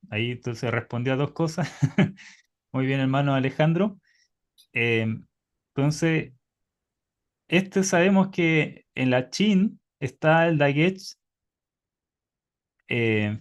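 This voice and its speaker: A man's voice: on the high side, animated, slow pace, pauses often. A man teaching Hebrew in an online class by video call, patiently quizzing his students.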